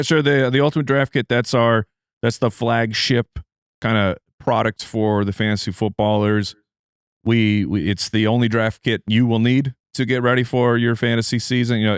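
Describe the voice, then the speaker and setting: Relaxed fantasy football analyst man. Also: on the low side, smooth, no room sound, studio quality. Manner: loose, filler-heavy, restarts often. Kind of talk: casual interview chat.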